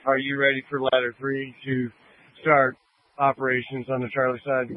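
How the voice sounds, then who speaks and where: A man's voice: mid-range voice, completely flat delivery, moderate pace, no room sound. A male fire officer giving a terse radio update to command over a two-way radio. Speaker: firefighter, sector officer. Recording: noisy narrow-band fire radio.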